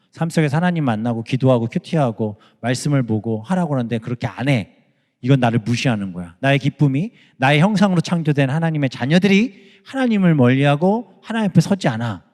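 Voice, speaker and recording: A man preaching a youth sermon as pastor, animated, acting out voices and prayers. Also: medium pitch, long reverb tail.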